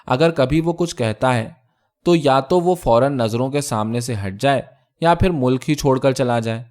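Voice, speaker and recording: A man reading a storybook voices a sharp-tongued, scolding middle-aged mother. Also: medium pitch, natural voice.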